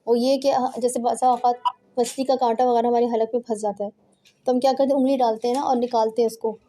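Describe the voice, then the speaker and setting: A woman's voice: a little high, fairly even intonation, mellow. A woman giving an informal home lesson, patiently demonstrating throat sounds step by step. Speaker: Quran pronunciation teacher. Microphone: home recording, phone.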